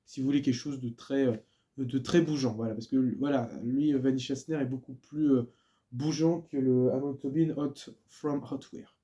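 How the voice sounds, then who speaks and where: In his casual purchase video, this vlogger goes over records and books with lots of fillers and restarts. He has a medium-pitched, steady, warm voice and talks at normal speed.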